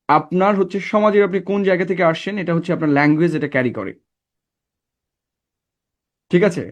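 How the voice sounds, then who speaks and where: Man lecturing a class. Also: sits high. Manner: conversational, asks the class checking questions. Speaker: teacher.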